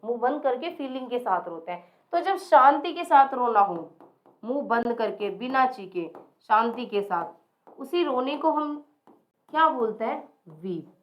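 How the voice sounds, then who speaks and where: High-voiced woman teaching English, lo-fi. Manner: slows down and repeats example phrases, quizzing the viewer. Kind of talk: classroom-style spoken lesson.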